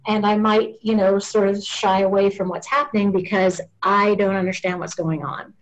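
A woman talks earnestly in an interview, explaining patiently and step by step. Her voice sits at an ordinary middle pitch. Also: level tone, normal speed, low-quality recording.

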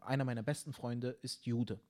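Animated man telling a story. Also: medium pitch, moderate pace. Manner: animated storytelling, swings loud when riled. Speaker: comedian and show host. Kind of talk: casual chat.

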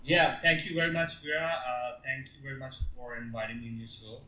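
A man's voice: medium pitch, fairly quick, bright, forceful tone, muffled recording. Hesitant man from Pakistan on an echoey call. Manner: hesitant, many fillers and restarts. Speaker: musician guest. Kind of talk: casual interview talk.

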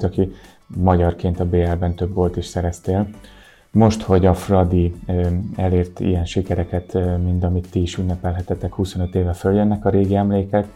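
A man's voice: deep voice, dark tone. A man hosting a podcast, presenting and putting questions to a guest. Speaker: podcast host. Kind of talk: scripted introduction and interview questions.

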